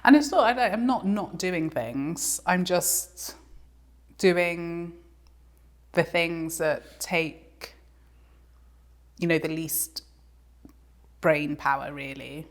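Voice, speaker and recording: Low-voiced woman, reflective. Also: slow, long pauses. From England. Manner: reflective, many fillers and restarts. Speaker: composer, guest. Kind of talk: casual interview conversation.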